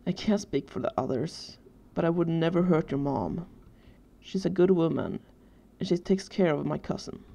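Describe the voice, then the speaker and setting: A woman voicing a cold, threatening teenage boy who hisses and growls his warnings, in a dark, low voice on a dull recording. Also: expressive, normal speed, vocal fry, exaggerated voice. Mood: weary firm.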